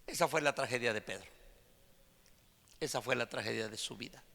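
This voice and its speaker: Man, preacher, emphatic sermon, brilliant bright tone, reverberant church sanctuary. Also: medium pitch, a little fast, vocal fry. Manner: emphatic preaching, often loud and climbing. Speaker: apostle preaching to his congregation.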